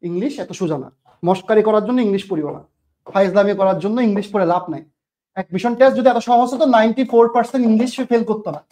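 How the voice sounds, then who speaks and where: Woman, high voice, grammar teacher, scolding, quizzing students. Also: a little mellow. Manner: scolding, keeps firing questions at students. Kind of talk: online admission-test grammar lecture.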